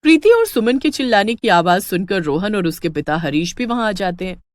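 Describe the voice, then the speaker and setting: A woman's voice: on the low side, fairly quick, no echo, clean studio sound. A woman narrating a cartoon moral story in scripted storybook style. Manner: lively, expressive.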